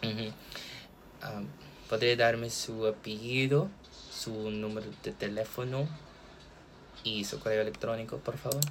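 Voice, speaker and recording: A courteous man plays a bank's phone support agent, unfailingly formal and quick with his thank-yous. His voice sits fairly low. Faint keyboard typing ticks along behind him. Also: flat delivery, noisy background. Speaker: bank customer service agent. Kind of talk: role-played phone support call.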